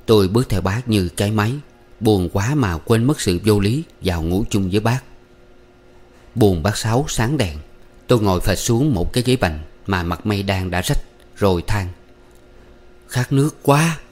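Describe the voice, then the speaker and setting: A man narrating a story in a steady, measured reading. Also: on the low side.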